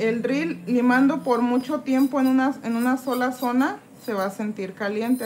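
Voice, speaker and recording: A woman's voice: on the high side, background noise. A woman from Mexico doing casual live-stream chat as she files acrylic off her own nails, reading viewer comments aloud and greeting each one by name. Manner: chatty, reads viewer comments aloud and greets them while working. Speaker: nail tech streamer. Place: indoors at a nail desk.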